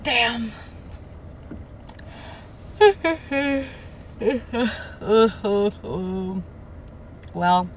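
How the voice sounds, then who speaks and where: Speaking extremely slowly with long gaps, a woman in her 20s reads a book on a livestream and then rambles to viewers, using plenty of filler words. Her voice is slightly high and expressive, over a little background noise.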